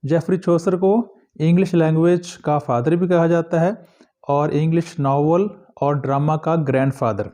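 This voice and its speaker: A male teacher giving a recorded lecture to students, reading English passages slowly and then explaining each one. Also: on the high side, fairly even intonation, warm tone. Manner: addresses students directly.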